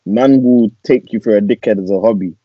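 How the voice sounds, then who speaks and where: A man's voice: on the low side, brisk, breathy edge, dry recording, muffled recording. A man with a London roadman accent, chatting in casual slangy banter and often repeating himself. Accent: London, urban roadman slang.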